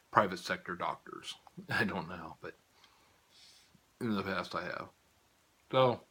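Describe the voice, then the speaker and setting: Bright-toned older man rambling with chuckles. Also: lowish voice. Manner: rambling, chuckling often, many fillers. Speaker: vlogger giving a health update. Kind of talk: casual spoken update to viewers.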